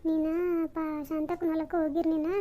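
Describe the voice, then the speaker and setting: Cartoon: woman voicing a quick, high-voiced, bossy village woman with a North Karnataka accent. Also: little pitch movement, dark tone. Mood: bossy reassuring. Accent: North Karnataka Kannada. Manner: brisk, bossy, reassuring. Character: chatty village woman consoling her friend. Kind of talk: cartoon comedy voice acting.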